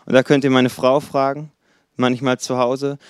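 A man preaching a sermon, lively and acting out the people he describes in short quoted bits. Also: mid-range voice, moderate pace, smooth, no echo, studio quality. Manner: lively, acts out quoted voices.

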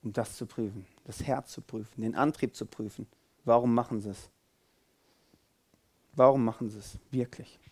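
A man preaching a sermon who reads from the Bible, repeats key phrases and asks rhetorical questions, swinging from loud declarations to quiet, intense asides. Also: medium pitch, steady tone, moderate pace, pauses often.

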